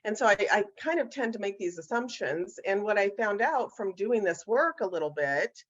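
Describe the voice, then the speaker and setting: A woman's voice: medium pitch, animated, normal speed. A woman hosting a casual meeting, speaking in an encouraging, reassuring way. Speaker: meeting host. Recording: dull lo-fi video call audio.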